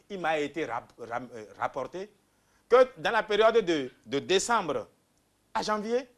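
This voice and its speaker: A man from Benin speaks, laying out his program as a candidate in an interview. His voice sits fairly high. He presses hard on key points with loud bursts, then drops into quieter asides. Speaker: political candidate guest. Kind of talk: interview answers, campaign pitch.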